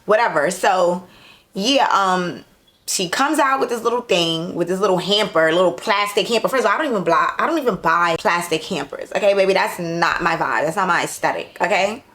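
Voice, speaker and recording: Woman, 30s, casual storytime vlogger, low-pitched and sassy. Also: a little fast. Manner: sassy, animated, lots of fillers.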